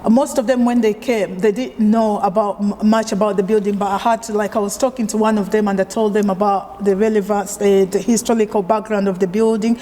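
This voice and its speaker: A woman from Uganda speaks as a chef in an oral history interview, with a mellow, mid-pitched voice. She talks in a relaxed, chatty way, full of small fillers and restarts. The recording has a long hall reverb and a faint hum of noise behind it. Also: a little fast, few pauses. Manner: relaxed, conversational with frequent fillers.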